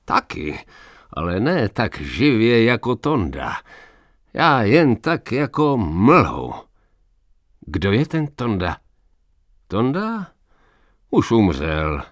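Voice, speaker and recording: A man voicing an old quarry worker who talks in a hushed, confiding way about ghostly visions, in a storybook reading. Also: on the low side, wildly swooping pitch, long pauses, no echo, studio quality. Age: older. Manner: hushed, confiding, rising to urgent.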